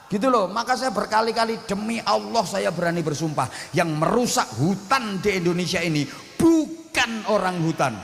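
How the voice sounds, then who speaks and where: A man's voice: sits high, animated, moderate pace, gravelly, few pauses, a bit bright, big-room sound, a little hiss or hum. A man with a Javanese accent preaching a humorous sermon, blunt and joking, speaking outspokenly to a gathering. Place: outdoor religious gathering.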